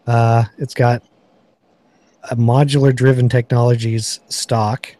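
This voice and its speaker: A man's voice: mid-range voice, level tone, slow, mellow, slight background noise. A man hosting a casual podcast chat, reading off rifle features and specs. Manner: chatty, reads off product specs. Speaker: podcast host. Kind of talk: casual gun review chat.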